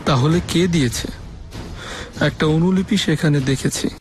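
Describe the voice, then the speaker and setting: A man's voice: a little high, moderate pace, a little mellow, lightly acted. A man dubbing a powerful grand vizier who questions his officials in a TV drama. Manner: commanding, interrogating. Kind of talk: dubbed TV drama. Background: music.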